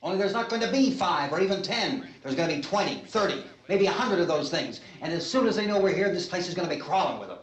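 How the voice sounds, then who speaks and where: A man's voice: high-pitched, lively intonation, fast, few pauses. An actor playing a stubborn, frightened, abrasive middle-aged family man arguing insistently in a 1960s horror film. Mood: angry insistence. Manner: argumentative, insistent, agitated. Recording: echoey old film sound, distant mic.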